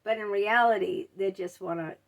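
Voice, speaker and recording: A middle-aged woman hosting a casual advice vlog, telling stories in a blunt, animated, indignant way. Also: mid-range voice, moderate pace, vocal fry. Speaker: channel host.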